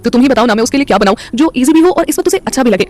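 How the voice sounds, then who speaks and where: A woman's voice: sits high, lively intonation, rapid-fire, darkish tone, faint music behind, pitched above the performer's own voice. A woman voicing a playful, caring young man in a romantic audio story. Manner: playful, joking.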